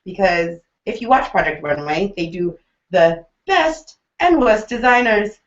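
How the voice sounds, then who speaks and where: A woman co-hosting a casual TV recap chat, animated, jokey and opinionated. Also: medium pitch, a little slow. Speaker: co-host. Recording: roomy, dull lo-fi recording.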